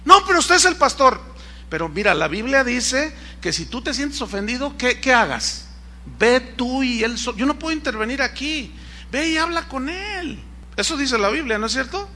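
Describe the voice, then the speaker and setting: A middle-aged man preaches with a high, bright, ringing voice. He is an emphatic pastor who drives each point home and slips into quoted voices of his flock to make his case. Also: expressive, normal speed. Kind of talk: sermon.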